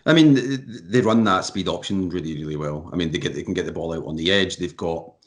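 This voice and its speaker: A male football coach answering interview questions in a brisk, analytical way. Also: deep voice.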